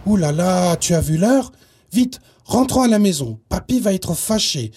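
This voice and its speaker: A man's voice: high-pitched, animated, normal speed, breathy edge, pitched above the performer's own voice. A man doing a cheerful local boy. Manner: hesitant, then bright and cheerful. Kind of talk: storybook narration.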